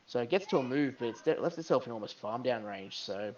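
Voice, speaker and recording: A man's voice: medium pitch, lively intonation, fast talker, darkish tone, dull audio. A man commentating a live game match, giving analytical play-by-play. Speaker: esports caster.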